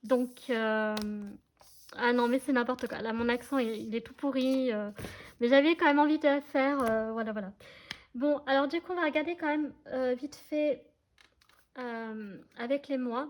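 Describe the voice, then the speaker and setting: A woman's voice: high voice, moderate pace. A woman giving a casual tarot reading to her viewers, chatty and hesitant, often checking that they follow her. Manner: chatty, hesitant, many fillers, addresses viewers directly. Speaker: tarot card reader.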